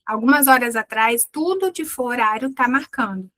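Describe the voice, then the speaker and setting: A woman teaching English in Brazilian Portuguese, playful and lively, slowly drilling English words in her lessons. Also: a little high, dry recording. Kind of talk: online class lesson.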